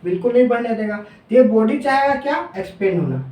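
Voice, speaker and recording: Man, teacher, lecture, answers his own questions, slows down for formulas, roomy echo. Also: lively intonation, dark tone, far from the mic. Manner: asks questions and answers them himself, drops pitch on answers; slows down when dictating formulas. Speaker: civil engineering teacher. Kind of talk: classroom lecture. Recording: echoey room, voice off-mic.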